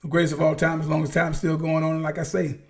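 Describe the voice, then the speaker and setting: A man hosting a casual sports talk show, ranting in an animated way, repeating himself and using folksy slang. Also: on the high side, fast talker, vocal fry. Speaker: podcast host.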